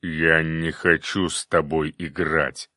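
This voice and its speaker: A man voicing a sullen male fire demon, a cyclops, who growls slowly. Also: a bass voice, level tone, pushed and bright, no room sound, clean studio sound, pitched below the performer's own voice, exaggerated voice. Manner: growling, slow.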